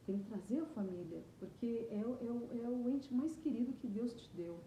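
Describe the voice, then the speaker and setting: A middle-aged woman with a Brazilian Portuguese accent, earnestly telling her personal story as an interviewee, often halting and restarting her words. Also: fairly high pitch, lo-fi sound. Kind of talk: emotional personal testimony. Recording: echoey room with faint noise.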